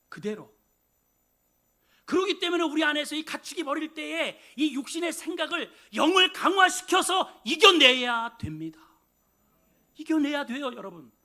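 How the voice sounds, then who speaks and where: Brief: male pastor, sermon, bright high voice, emphatic with playful asides. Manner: animated, emphatic, humorous asides to the congregation.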